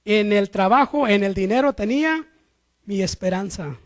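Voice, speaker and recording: A middle-aged man preaching a sermon, asking the congregation questions and swinging between loud emphatic lines and quiet low asides. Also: normal speed.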